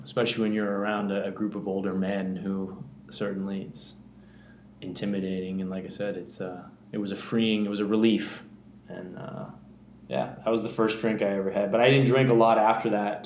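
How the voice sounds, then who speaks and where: A man's voice: deep voice, a little mellow. A man in his thirties from the Bahamas, a podcast guest candidly telling his personal recovery story. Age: 30s. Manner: candid, reflective, many fillers and restarts. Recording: echoey room with faint background noise.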